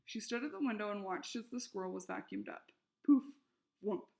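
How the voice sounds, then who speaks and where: A woman reading a children's novel aloud, expressive and lively in the characters' shouted lines. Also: medium pitch, quick pace, vocal fry. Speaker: reader.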